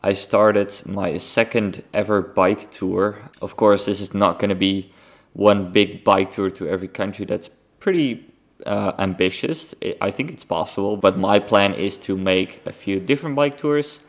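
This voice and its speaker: A young Dutch man from the Netherlands hosts a casual solo podcast, rambling informally as he gives an update. His English carries a Dutch accent, and his lowish, creaky voice moves a little slowly.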